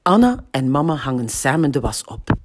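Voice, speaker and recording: A woman with a Flemish accent reading a picture book aloud to children, in a slow and expressive way. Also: a bass voice, background noise. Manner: slow, lively, expressive storytelling. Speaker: library storyteller.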